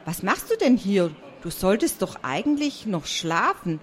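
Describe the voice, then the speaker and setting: A woman voicing a friendly, lively young male bat in a storybook read aloud, chatty and bright. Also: mid-range voice, a little slow. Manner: bright and chatty, sleepy when woken.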